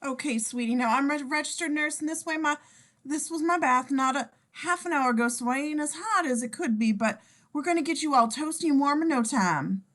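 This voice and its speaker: A woman's voice: sits high, fairly quick, fairly bright tone. A woman playing a fussing grandmother and nurse in her sixties, coaxing her grandson with folksy pet names. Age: 60s.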